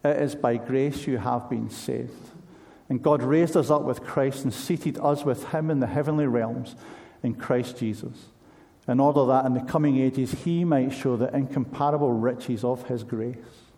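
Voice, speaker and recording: A man's voice: medium pitch, unhurried, mellow. A man preaching a sermon in an earnest, conversational way, asking his listeners pointed questions.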